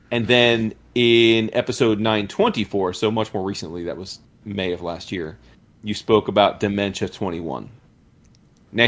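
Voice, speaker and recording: A man with a fairly low voice co-hosts a casual comics podcast. He rambles, circles back, and restarts his thoughts, throwing in a swear now and then. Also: a bit bright. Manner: rambling, self-interrupting, swears. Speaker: podcast co-host. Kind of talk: casual chat.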